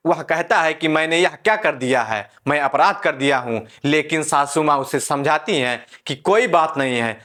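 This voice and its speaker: Man narrating a story, somewhat high voice. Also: a bit bright. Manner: plain retelling with many spoken fillers.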